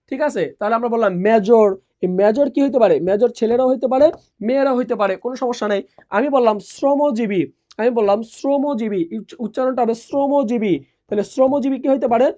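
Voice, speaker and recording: A woman's voice: fairly high pitch, darkish tone. A woman teaching a live online lesson, repeatedly asking questions and answering them herself. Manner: drills by asking and answering her own questions. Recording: dull lo-fi sound.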